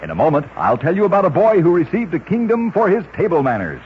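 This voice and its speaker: A man narrates odd facts in a brisk, old-time radio announcer style, his slightly high voice swinging hugely up and down. The recording is muffled and lo-fi, with a faint hiss underneath.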